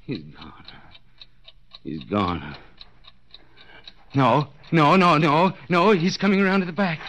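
In a noisy vintage recording of a 1940s radio suspense play, an actor voices a desperate, jealous husband, a clock repairman tied up in a cellar, delivering an inner monologue in frantic panic. His halting, intense speech repeats words, and his voice sits on the high side, lively in intonation and a bit bright.

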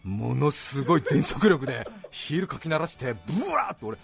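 A man hosting a radio talk show and telling an anecdote in a casual, animated way, acting out the other people's lines and laughing often. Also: medium pitch, normal speed, gravelly, soft background music. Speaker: radio host.

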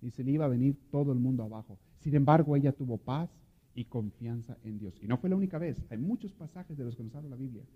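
A man preaching a sermon as a priest, dropping to hushed murmurs and then rising to loud, impassioned pleading. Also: mid-range voice, quick pace, slightly rough. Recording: dull lo-fi audio with long hall reverb.

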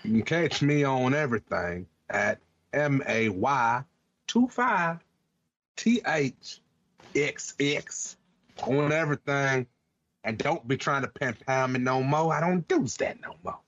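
A man voicing a gruff male cowboy who talks in folksy slang. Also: medium pitch, animated, takes it slowly, fairly bright tone, no room sound, dull audio.

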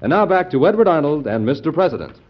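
Animated vintage American radio announcer, male. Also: on the high side, fast talker. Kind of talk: 1940s radio announcing, scripted promotional read. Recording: dull old radio broadcast, music behind. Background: music.

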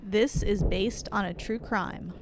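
A woman co-hosting a true crime podcast with chatty delivery and some vocal fry. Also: mid-range voice, fairly even intonation, slow pace. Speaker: podcast co-host. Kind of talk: true crime podcast chat with scripted intro.

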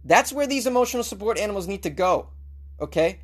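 High-pitched, animated, and fast-talking, a man with a Boston accent runs a talk radio show of opinionated news commentary, ranting with sarcasm and laughing a lot.

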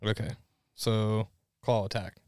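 A man's voice: fairly low pitch, flat delivery, slow, darkish tone, clear, resonant tone, no room sound, studio quality. A man playing a tabletop game, joking and matter-of-fact as he declares his attacks. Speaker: player.

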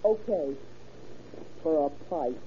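A woman's voice: low voice, lively intonation, takes it slowly. An actress playing a sassy, defiant, slangy woman crook in a 1930s radio crime drama. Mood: bargaining. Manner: tough, slangy, brassy. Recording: muffled, noisy old radio recording.

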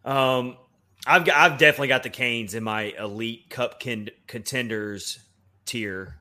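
A man's voice: mid-range voice, a little slow, pushed and bright. A man with a Southern Tennessee accent hosting a casual sports talk show. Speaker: sports podcast host.

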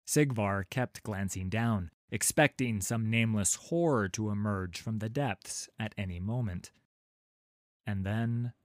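Male audiobook narrator, low, unhurried dramatic delivery, dry studio sound. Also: dry recording. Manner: measured, dramatic storytelling. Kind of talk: scripted fantasy narration.

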